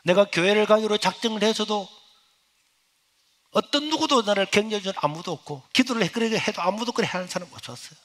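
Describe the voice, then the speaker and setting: A middle-aged male pastor, giving an emotional sermon testimony that swings from hushed to loud. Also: sits high, lively intonation, brisk.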